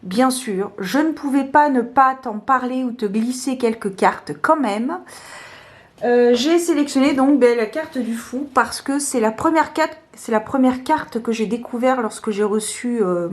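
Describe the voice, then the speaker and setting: A woman casually showing her favourite tarot cards, talking hesitantly with many fillers. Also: a little high. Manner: slow, soft-spoken. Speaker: tarot vlogger.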